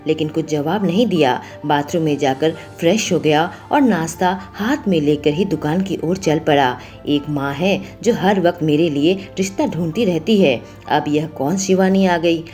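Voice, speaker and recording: A woman with a low, mellow voice reads a story aloud, taking the narrator's part and every quoted voice herself. She sounds like a storyteller, with faint music under her. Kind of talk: first-person story narration.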